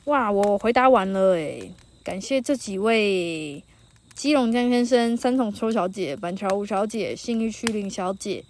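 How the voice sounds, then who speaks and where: A woman in her thirties from northern Taiwan, with a Taiwanese Mandarin accent, hosts a solo podcast by a campfire at a mountain campsite, telling anecdotes, quoting people, and laughing often. Her medium-pitched, darkish voice has lively intonation and a measured pace, with a little hiss or hum in the recording.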